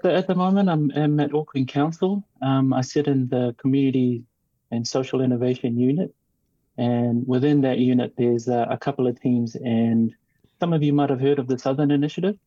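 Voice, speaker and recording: A man born in New Zealand and raised partly in Tonga, a guest in an interview, speaking in a measured, reflective way with frequent ums and restarts. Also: medium pitch, steady tone, warm tone, dry recording, dull audio. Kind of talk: casual interview talk.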